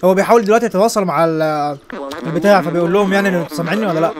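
A man's voice: sits high, racing, crowd noise. A man with an Egyptian Arabic accent hosting a let's-play, joking and teasing his co-player as he plays. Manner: joking, teasing, laughs often. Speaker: gaming channel host. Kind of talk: casual let's-play commentary.

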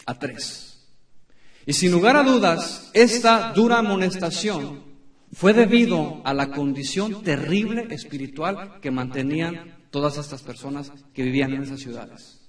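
A man in his thirties preaching a sermon in a church, emphatic, with dramatic pauses and repeated phrases. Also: fairly high pitch. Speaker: pastor. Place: church sanctuary. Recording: echoey room from a distance.

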